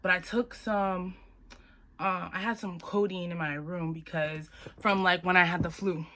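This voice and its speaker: A young woman with a Boston-area accent, casually telling a personal story on her vlog and leaping up in pitch when she acts out her own lines. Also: a little slow. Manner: animated, jumps high when acting out her own quotes. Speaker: vlogger.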